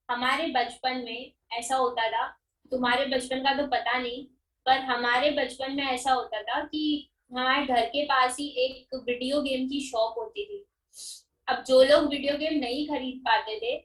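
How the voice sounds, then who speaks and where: A woman teacher giving a finance lecture. She explains slowly, repeats key terms and keeps checking that everyone understands. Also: high-pitched, distant mic. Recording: echoey room, speaker away from mic.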